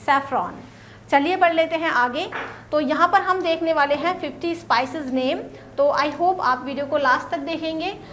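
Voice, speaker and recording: A woman teaching vocabulary in a casual lesson, saying each word and then repeating it slowly for pronunciation. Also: high voice. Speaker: English teacher.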